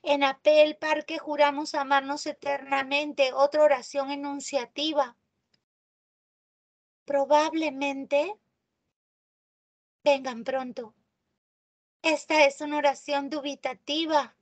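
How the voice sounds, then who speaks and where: A woman teaching a live online grammar class. She often checks in with her students and stresses key terms slowly. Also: sits high, level tone. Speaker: language teacher.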